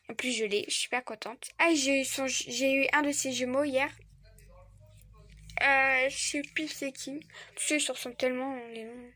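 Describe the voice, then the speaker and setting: A young woman chatting casually as she opens trading card packs, stammering and gushing like an excited fan. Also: sits high, dry recording, clean studio sound. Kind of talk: casual unboxing vlog chat.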